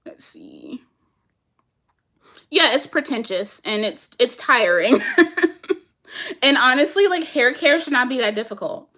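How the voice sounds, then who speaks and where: A woman chatting casually with her viewers and answering their comments, animated and laughing often, talking to them as "y'all". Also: fairly high pitch, measured pace, long pauses.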